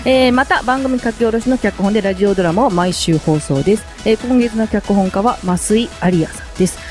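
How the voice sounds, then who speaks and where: A woman's voice: medium pitch, a little fast, darkish tone, faint music behind. A woman with a Kansai accent hosting a radio talk show, introducing guests and songs with cheerful banter. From Osaka, Japan. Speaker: radio host. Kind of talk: radio presenting.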